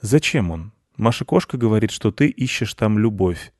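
A man's voice: fairly low pitch, lively intonation, normal speed, a little mellow, no echo, studio quality. A man voicing a lazy, self-important male house cat who lectures in a storybook reading. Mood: lecturing. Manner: pompous and lecturing.

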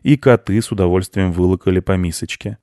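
A man calmly reading a children's story aloud, voicing the farmer in his own voice. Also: low-pitched, a little fast, no echo, clean studio sound. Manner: calm storytelling, plain farmer voice for dialogue. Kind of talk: children's audiobook narration.

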